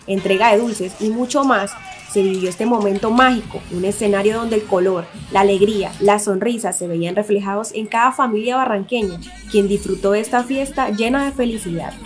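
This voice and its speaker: A woman reporter reading a scripted news voice-over in a bright, cheerful manner. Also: mid-range voice. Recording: soft music under voice-over.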